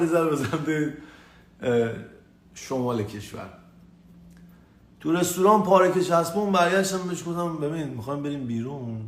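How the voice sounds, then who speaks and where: A man from Tehran telling crude personal stories in a rambling, profane, animated way. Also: fairly high pitch. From Tehran, Iran. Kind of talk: casual storytelling monologue. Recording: echoey room with faint ambient noise.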